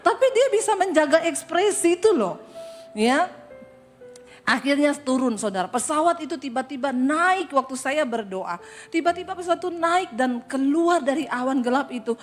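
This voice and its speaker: Animated woman pastor preaching, high voice. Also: normal speed, soft background music. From Sulawesi. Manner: animated, dramatic storytelling with acted-out prayers. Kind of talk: sermon with storytelling.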